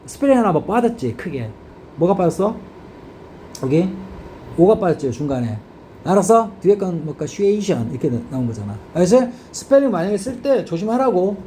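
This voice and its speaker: Lively Korean man teaching English grammar. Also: high-pitched, brisk, slight background noise. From South Korea. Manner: constant checking questions to students. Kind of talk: classroom grammar lecture.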